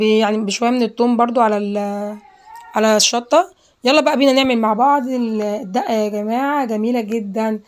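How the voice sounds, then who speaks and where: Egyptian woman, home cooking host, rapid chatty delivery, slightly high voice. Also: darkish tone. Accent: Egyptian Arabic. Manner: chatty, repeats herself, addresses viewers directly. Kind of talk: casual cooking tutorial.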